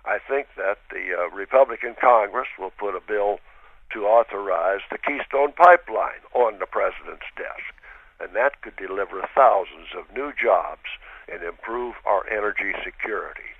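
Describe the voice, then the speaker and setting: A man on a telephone line from his farm, reading a steady, earnest radio commentary. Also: fairly low pitch, normal speed, creaky, breathy edge, dry recording. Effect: heard over a telephone line. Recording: tinny, dry phone line.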